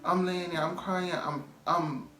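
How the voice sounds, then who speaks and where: A man recounts his own story in a relaxed, rambling vlog manner, leaning on fillers and repeating words to drive a point home. His voice sits a little high for a man. The room echoes around him, with faint music underneath. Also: measured pace. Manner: loose, chatty, many "um" and "like" fillers; emphatic, repeats phrases for stress. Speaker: storytime vlogger. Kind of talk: casual storytelling. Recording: roomy echo, faint music behind.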